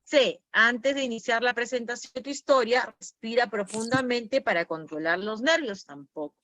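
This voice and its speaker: A woman's voice: on the high side, normal speed, fairly bright tone. A woman teaching an online class for teachers, going over quiz answers, naming students and repeating key words. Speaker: teacher training instructor.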